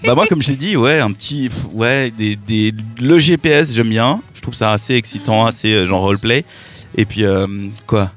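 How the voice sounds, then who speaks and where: A man's voice: medium pitch, normal speed, fairly bright tone, soft background music. A man chatting casually in a studio, hesitant and full of fillers and restarts.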